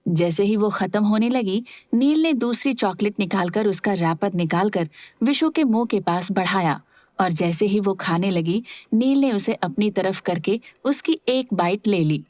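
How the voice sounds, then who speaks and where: A woman narrating a serialized romance audio drama in a steady storytelling manner. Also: medium pitch, measured pace, dry recording. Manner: steady storytelling, voices all parts.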